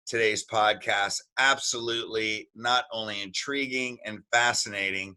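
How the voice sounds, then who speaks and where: Bright-voiced upbeat man hosting a podcast. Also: fairly low pitch, poor audio. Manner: rambling, jokey, upbeat. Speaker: podcast host. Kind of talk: casual podcast talk.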